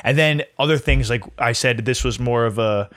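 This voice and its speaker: A man in his twenties co-hosting a podcast in a loose, casual chat. He tells animated stories, swears freely and keeps a medium pitch. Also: normal speed. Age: 20s. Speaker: podcast co-host.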